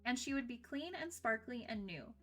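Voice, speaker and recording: A woman storyteller reading a children's book aloud in a gentle, even way. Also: a little high, moderate pace. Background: faint background music.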